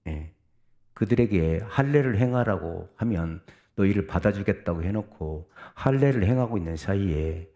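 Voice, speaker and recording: A middle-aged man preaching a Sunday sermon in a low voice. His tone is dark and mellow, and he swings from quiet, earnest explanation to sudden loud calls. Now and then he stops to read scripture aloud with the congregation. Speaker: pastor.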